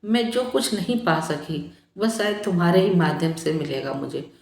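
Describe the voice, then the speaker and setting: A woman voicing a feverish dying young woman who pleads softly and later cries out in delirium. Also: fairly low pitch, normal speed, creaky, roomy sound. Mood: pleading. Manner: weak, pleading, turns frightened and delirious.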